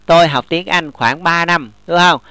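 A man, teaching English grammar in a classroom lesson, explaining slowly and often checking that students follow. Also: fairly high pitch, pushed and bright, smooth, no room sound. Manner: models English example sentences slowly.

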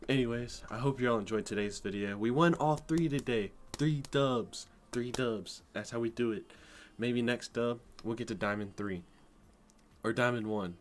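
A young man commenting on his own gameplay, keyed up and shaky with adrenaline, shouting in tense moments and going soft in between. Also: mid-range voice, moderate pace, slight background noise. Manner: excitable, shouts in tense moments then talks softly. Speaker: gaming video creator.

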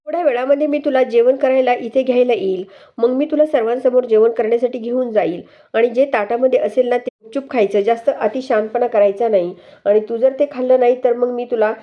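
Woman reading a stern, bossy young wife; fairly high voice, muffled lo-fi sound. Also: steady tone, brisk, natural voice. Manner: stern, commanding, read out plainly. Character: bossy young wife, scolding her husband.

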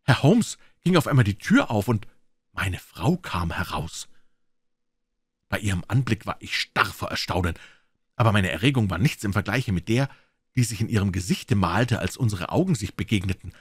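A man's voice: fairly low pitch, expressive, normal speed, slightly rough, dry recording. A man reading a classic detective story aloud as an audiobook, telling it dramatically in the first person on a close mic. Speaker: audiobook reader.

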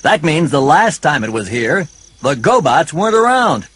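A man's voice: a little high, very animated, moderate pace, a bit bright, husky, voice pushed up, full character voice. A man voicing a cheerful, polite young male pilot in a storybook read-along, chipper and jokey.

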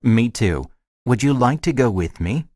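A man's voice: medium pitch, animated, a little slow, darkish tone, dry recording, studio quality, close to an everyday voice. A man acting a friendly character in a scripted language lesson dialogue, with careful short sentences. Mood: friendly, measured. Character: friendly man chatting about a shared hobby.

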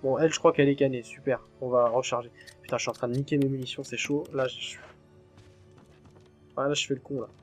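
A man talks his way through a horror game, chatting to viewers and letting curses fly whenever something jumps out. His voice sits at an ordinary middle pitch, with quiet game music running underneath. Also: fairly even intonation, fast, long pauses. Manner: chatty and jumpy, swears freely when startled. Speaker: gaming channel host. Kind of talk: let's play commentary.

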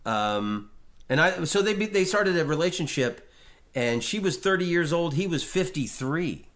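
A man's voice: a little high, expressive, normal speed, a bit bright. A middle-aged man hosting a podcast, chatting casually about art history with many restarts and fillers. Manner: rambling, frequent restarts and fillers. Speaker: podcast host.

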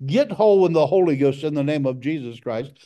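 A middle-aged man preaching a sermon with passion, his voice jumping up high for emphasis. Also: lively intonation, a little fast, mellow, dull audio. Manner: impassioned preaching, jumps to a high pitch for emphasis.

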